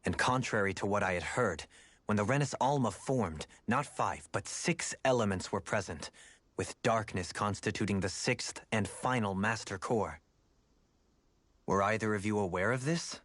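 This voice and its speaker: A man's voice: fairly low pitch, moderate pace, a bit bright, dry recording. A man voicing a composed, analytical video game adviser with formal, old-fashioned phrasing. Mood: composed, pensive.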